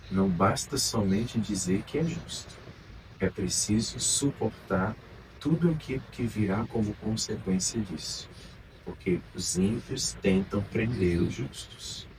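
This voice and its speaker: Brazilian male priest, earnest exhorting homily, low voice, heard from a distance over steady noise. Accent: Brazilian Portuguese. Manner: earnest, exhorting, rhetorical questions. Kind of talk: homily at Mass. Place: church during Mass. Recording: distant mic with background noise.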